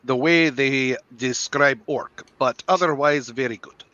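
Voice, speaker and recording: Bright-voiced man, dull lo-fi sound. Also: medium pitch, unhurried, no echo. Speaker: player.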